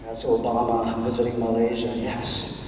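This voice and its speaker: A man's voice: mid-range voice, completely flat delivery, moderate pace, a little hiss or hum. A man giving a children's story in church, asking the kids questions as he talks. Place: large church sanctuary. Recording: echoey church hall from far off.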